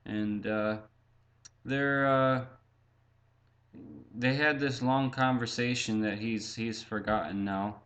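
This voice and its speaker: A man recounting his own past in a halting, reflective way, full of fillers and restarts, often speaking of himself in the third person. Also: mid-range voice, steady tone, a bit bright. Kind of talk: personal storytelling.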